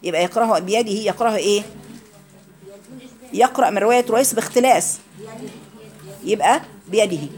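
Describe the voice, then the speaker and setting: Woman, Egyptian accent, teacher, brisk lecture, medium pitch, asks students questions. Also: a little mellow. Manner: explains rules and quizzes students with questions. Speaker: Quran recitation teacher. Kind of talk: classroom lecture.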